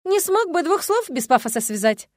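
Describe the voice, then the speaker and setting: A woman reading voices a mischievous younger brother who teases with mock outrage, his lines pitched up and drawn out slowly. The read is dry and close. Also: sing-song, dry recording. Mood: teasing. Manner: playful, mock-indignant teasing. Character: teasing younger dragon brother, playful man.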